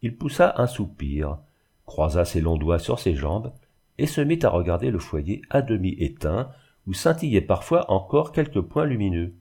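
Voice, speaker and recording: A man reading a classic novel aloud in measured scripted narration. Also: low-pitched, sing-song, gravelly, mellow, breathy edge. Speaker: audiobook reader.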